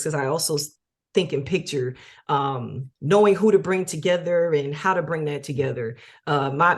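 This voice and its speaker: A woman, a music executive producer, talking casually as an interview guest, with lots of fillers and easy laughter. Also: low-pitched. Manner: chatty, many fillers, laughs easily.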